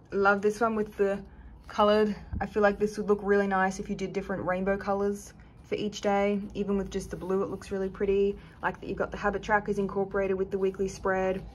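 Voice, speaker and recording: A woman's voice: mid-range voice, slight background noise. A woman giving a casual review with frank, chatty opinions that she often hedges. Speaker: planner reviewer.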